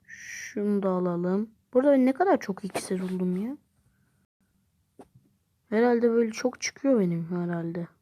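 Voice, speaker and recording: Woman, casual game commentary, mellow voice, excitable outbursts, phone game. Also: medium pitch, normal speed, pauses often. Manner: chatty, exclaims and groans at the game. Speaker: gameplay vlogger.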